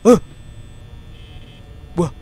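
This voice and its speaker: A man's voice: drawn-out words, warm tone, slight background noise. A young man giving live horror game commentary, scared and jumpy, exclaiming and repeating his words in panic. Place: indoor room at a desk, streaming with webcam.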